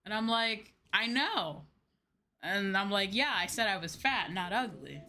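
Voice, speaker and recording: Animated and bright, this woman's medium-pitched voice has a forceful edge and a measured pace. As a VTuber livestreamer, she games and chats off the cuff, meandering through asides and swearing freely over background music.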